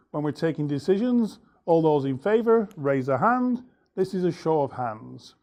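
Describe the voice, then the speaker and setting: A man teaching English, going over the answers to a lesson in a clear, measured way with some fillers. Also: sits high, mellow.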